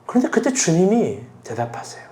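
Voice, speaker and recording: A man's voice: sits high, huge pitch swings, a little fast, a little mellow. A man pastor preaching a sermon in an earnest, emotional way, piling up rhetorical questions.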